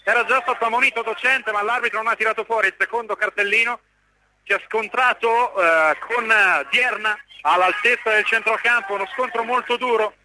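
A man's voice: sits high, fairly even intonation, a little fast, bright, forceful tone, poor audio. A man giving live play-by-play football commentary on the radio.

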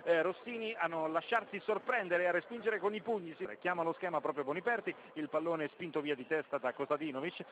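A man giving live radio football commentary, narrating play, score and minutes as the match unfolds. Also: fairly high pitch. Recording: dull lo-fi radio feed, loud background noise.

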